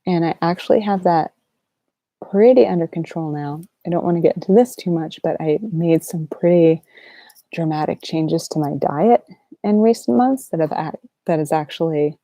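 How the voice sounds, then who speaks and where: A sleep-deprived woman chatting softly and casually as an ASMR livestream host, in a halting, low-energy, rambling way. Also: no echo. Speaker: ASMR artist hosting a livestream Q&A.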